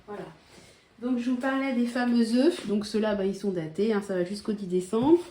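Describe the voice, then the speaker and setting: A woman vlogger shows off her grocery haul, chatting casually to viewers in a medium-pitched, steady voice at a moderate pace. Her talk is full of hesitations and asides, recorded in an echoey room with faint noise.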